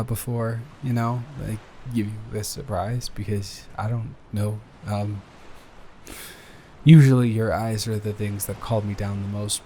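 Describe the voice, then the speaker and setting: In an improvised intimate roleplay audio, a man plays a nervous young boyfriend who adores his partner, and he rambles in a halting, bashful way. His voice is medium in pitch, gravelly and dark, with a little hiss or hum in the background.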